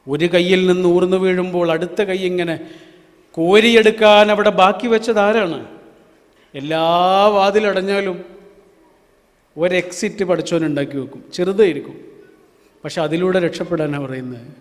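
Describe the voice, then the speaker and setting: A man preaching an Islamic sermon, asking rhetorical questions, chanting verses slowly, and swinging from loud to hushed. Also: sits high. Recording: long hall reverb.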